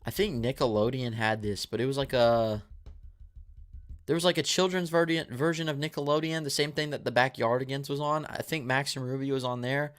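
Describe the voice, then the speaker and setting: A man in his twenties hosts a live movie Q&A for his channel, his mid-range voice steady, brisk and a bit bright. He reads viewer questions and answers with a dry mouth, casually rambling with fillers and restarts.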